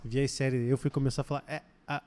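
A man's voice: mid-range voice, flat delivery, quick pace, darkish tone. A man with a Brazilian accent chatting informally, with plenty of slang, in a podcast conversation. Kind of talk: casual chat.

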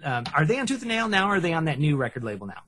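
A man co-hosting a casual music review show, talking in an animated, joking way into a headset mic. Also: on the high side, very fast, a little hiss or hum. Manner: animated, joking, breaks into song snippets and shouts. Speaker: podcast co-host reviewing music. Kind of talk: casual chat.

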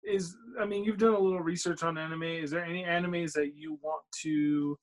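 A man with a rather high voice chips in on a casual podcast. He jokes and teases the others in a playful way. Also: steady tone, a little fast. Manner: joking, teasing. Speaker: podcast co-host. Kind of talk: casual chat.

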